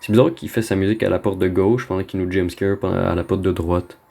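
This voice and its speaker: A man's voice: low voice, level tone, fast talker, gravelly, warm tone. A man with a Québécois French accent giving casual, rambling gaming commentary, slangy and dropping in bits of English slang. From Quebec, Canada. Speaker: gamer recording a video.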